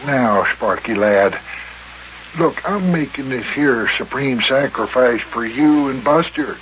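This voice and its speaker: A man's voice: mid-range voice, lively intonation, slow, pitched above the performer's own voice. Man acting blustery small-town mayor, older, stammering, folksy, old radio comedy, dull hissy recording. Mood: flustered, pleading.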